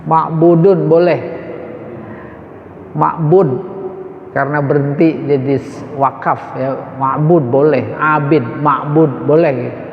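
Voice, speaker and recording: A man's voice: a little high, steady tone, slow, vocal fry, long pauses, slight background noise. A man teaching an Arabic grammar lesson in a mosque, quizzing his listeners with informal asides. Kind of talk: religious study lesson. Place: mosque hall. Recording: echoey hall, dull lo-fi sound.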